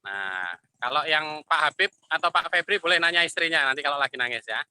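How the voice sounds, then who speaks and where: A man teaching an Arabic class, explaining patiently and repeating phrases slowly. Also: on the high side, expressive, bright, forceful tone, smooth. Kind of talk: online class lecture.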